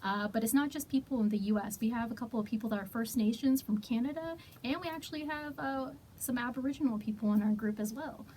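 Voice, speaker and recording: Woman guest on a studio radio show, fairly high voice, soft and hesitant, lots of ums, faint hiss. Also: fast talker, hardly any pauses, poor audio. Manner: soft-spoken, hesitant, many fillers. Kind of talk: casual radio interview.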